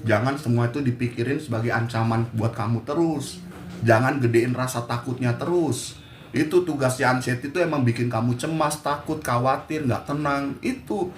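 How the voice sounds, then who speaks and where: A man's voice: mid-range voice, normal speed, roomy sound, slight background noise. A man giving a blunt, scolding motivational talk to his viewers. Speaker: anxiety motivational speaker.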